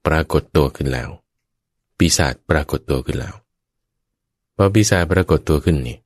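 A man preaching a Buddhist sermon to his listeners, telling it in a lively way with vivid sound words and playful asides, and often speaking straight to the audience. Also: very deep voice, moderate pace, no echo, clean studio sound. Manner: keeps addressing the listeners directly.

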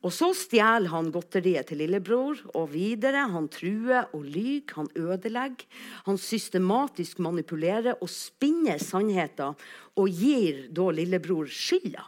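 A woman actress telling a personal story as a monologue, acting out the quoted lines with big changes in loudness. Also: on the low side. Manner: animated, acts out quotes with big shifts in loudness.

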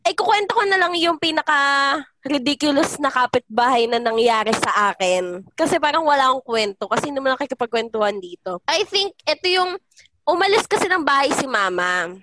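A young woman with a high, very lively voice tells a story to friends in a casual chat. She is animated and laughs often. The recording carries steady background noise. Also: brisk. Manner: animated, laughs often, acts out shouts and voices in her stories.

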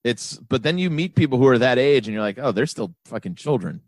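Forty-year-old man, podcast guest, easygoing and joking, animated pitch, dry close-miked sound. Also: brisk, no room sound. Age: 40s. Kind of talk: casual chat.

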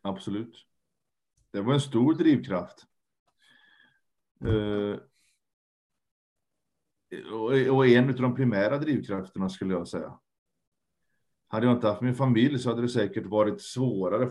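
A man's voice: medium pitch, a little mellow. A man speaking as a guest in a candid conversation, earnest and reflective, often trailing off and repeating words. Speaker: podcast guest, lecturer.

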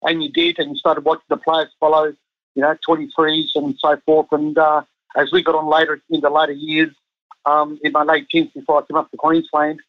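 A middle-aged Chilean man, a national team head coach, talks about his rugby coaching life in a casual interview, his sentences loose and rambling with frequent ums and restarts. His voice is a little high for a man, and his delivery is brisk and completely flat. The recording is muffled, lo-fi, and very dry and close.

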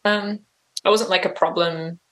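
A woman's voice: fairly low pitch, fairly even intonation, moderate pace, a bit bright. Hesitant New woman guest. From New Zealand. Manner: hesitant, full of "like" and "um" fillers. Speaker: interview guest. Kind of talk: casual interview answers.

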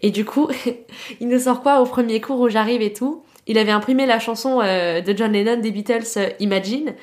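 A woman's voice: on the high side, normal speed, darkish tone. Chatty young woman podcast host. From France. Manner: chatty and slangy, full of filler words. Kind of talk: casual solo podcast chat.

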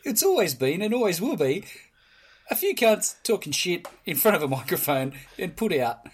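A middle-aged man with a Western Sydney Australian accent and a husky voice, bantering casually as a podcast co-host with plenty of swearing. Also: sits high, very animated, normal speed.

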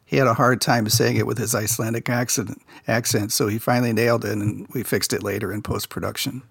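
A man with a medium-pitched voice, vocal fry and a breathy edge speaks fairly quickly, with no echo on the recording. As a podcast host, he offers a casual recap of a children's TV episode, telling behind-the-scenes production stories in a relaxed insider tone.

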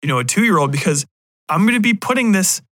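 Talking fast in a high-sitting voice, a man hosts a podcast with casual, rambling review talk, irreverent swearing, and animated jokes in which he plays out imagined remarks. It's a dry, studio-quality recording.

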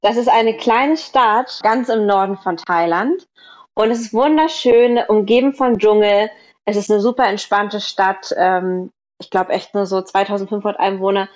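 A woman's voice: medium pitch, moderate pace. A woman and podcast co-host giving a chatty, affectionate update on a phone call, her voice muffled and lo-fi like a phone line.

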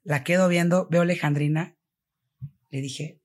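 A Mexican woman, a foundation founder, telling a story in an interview and acting out the dialogue with lively voices. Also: deep voice, moderate pace. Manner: animated, acts out quoted dialogue.

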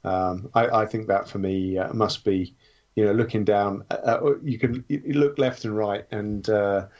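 A former military pilot recalling a flypast on a podcast, speaking haltingly with many restarts. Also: male voice, lowish voice, fairly even intonation, a little mellow. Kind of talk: casual podcast chat. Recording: dull lo-fi sound.

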